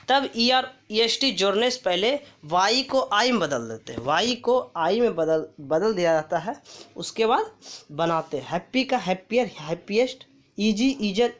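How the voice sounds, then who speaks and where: Female teacher, unhurried, drills word lists and quizzes herself aloud, mid-pitched voice. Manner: reads word lists aloud, asks and answers own questions. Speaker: English grammar teacher. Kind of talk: slow classroom-style grammar lesson.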